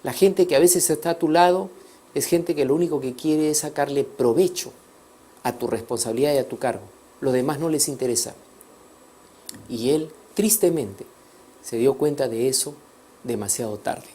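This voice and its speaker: A man telling a religious story as a sermon, swinging between loud emphasis and soft, hushed passages. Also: mid-range voice, moderate pace. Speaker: teacher of a religious course. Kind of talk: preaching storytelling.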